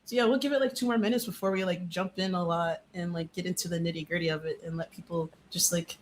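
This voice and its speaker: A live stream host with a slightly shot voice, hoarse from yelling, chatting casually in a bubbly, slangy, exclamatory way. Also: mid-range voice, fairly even intonation, fast talker, slight background noise. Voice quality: voice a little shot and hoarse from too much yelling and talking. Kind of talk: casual chat.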